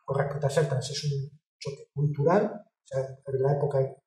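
A woman, talking in a casual interview. She speaks frankly, swears and gets animated when she tells stories. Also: a bass voice, moderate pace. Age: 50s. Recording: roomy, distant mic with music behind.

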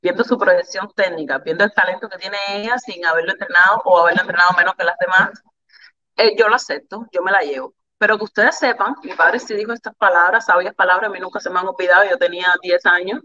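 A Cuban woman who plays volleyball tells her life story as an interview guest, candid and animated, often repeating phrases for emphasis. She speaks fast with a Cuban Spanish accent and a fairly low pitch. The recording has a lo-fi sound.

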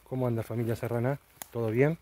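A man's voice: mid-range voice, fairly even intonation, quick pace, warm tone. Man, middle-aged, Argentine accent, casual vlog host, outdoors at night.

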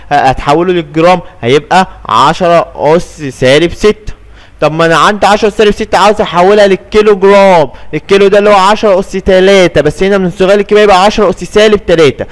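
A young man teaching physics in Egyptian Arabic, working through a step-by-step exam review and asking and answering his own questions as he goes. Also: fairly high pitch.

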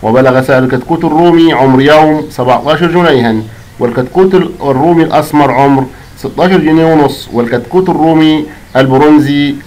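Egyptian man, channel host, rapid read-out price report, brisk number lists. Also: a little high, darkish tone, low-quality recording. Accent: Egyptian Arabic.

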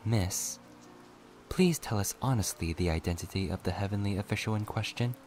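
Brief: measured courteous official, deep and soft, read by a man. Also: faint music behind, lightly acted. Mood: calm. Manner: polite, measured. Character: calm polite heavenly official.

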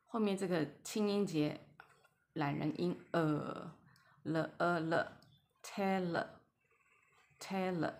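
A woman teaching English vocabulary, spelling out letters and repeating each word slowly, with soft whispered asides. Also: deep voice. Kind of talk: phonics lesson.

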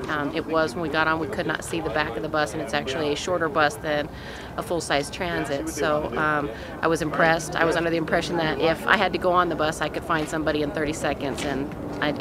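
A training participant describing the exercise outdoors in a hesitant way, with frequent ums. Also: medium pitch. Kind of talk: candid outdoor reaction interview. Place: outdoors at a trade show event. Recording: loud crowd noise outdoors.

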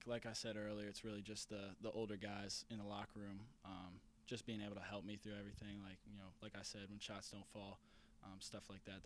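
A young college basketball player giving modest post-game answers full of fillers, into a handheld mic in an indoor hallway. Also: male voice, lowish voice, slight background noise. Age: young adult. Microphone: handheld microphone held by interviewer.

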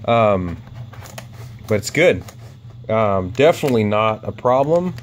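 An RC hobbyist shows off a flying wing kit in a casual, hands-on walkaround, rambling with plenty of ums as he handles the parts. His voice is fairly low in pitch, and there's a little hiss or hum on the recording.

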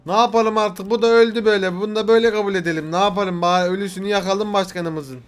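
A man giving comedic gameplay commentary, excitable and breaking into shouts as he role-plays a chauffeur speaking to his boss. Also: high voice, quick pace, soft background music. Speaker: gaming YouTuber.

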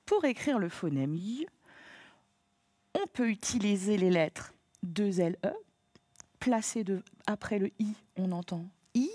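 Patient teacher woman, slow and lively. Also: fairly low pitch, breathy edge, no echo. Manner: patient, encouraging, spells out sounds slowly. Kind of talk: phonics lesson for children.

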